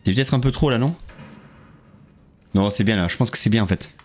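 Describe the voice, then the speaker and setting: A man live-streaming a horror game, chatting with viewers in a jokey, lively way and greeting them one by one. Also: on the low side, a little fast.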